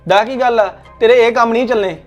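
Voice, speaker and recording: A man's voice: very high voice, fairly even intonation, quick pace, dull audio, faint music behind. An actor playing a hot-tempered young husband who barks bossy commands at his wife. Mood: angry, bossy. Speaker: actor in a family skit.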